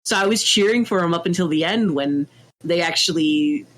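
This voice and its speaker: Excitable woman telling a game story. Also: on the low side, normal speed. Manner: animated, laughing, jumps into quoted voices. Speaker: podcast guest. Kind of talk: casual storytelling chat.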